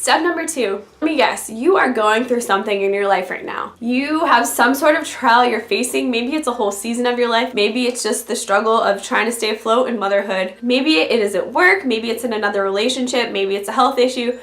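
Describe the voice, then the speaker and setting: A woman with a voice raspy from being sick, talking directly and conversationally as a video blogger giving encouraging faith advice. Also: on the high side, a little fast, hardly any pauses, fairly bright tone. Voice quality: raspy from illness. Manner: direct, conversational address to the listener. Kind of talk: scripted-feeling encouraging faith vlog talk to camera. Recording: roomy, echoey sound.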